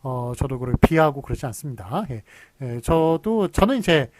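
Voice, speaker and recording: A man's voice: mid-range voice, animated, normal speed. A man from giving a recorded university lecture, explaining patiently with many fillers and restarts and drawing out his examples. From Seoul.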